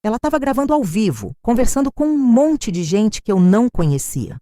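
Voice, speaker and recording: A woman in her seventies with a Brazilian accent, narrating a family story in a confiding, expressive way. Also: fairly high pitch, brisk, no echo, clean studio sound. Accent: Brazilian Portuguese. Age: 70s.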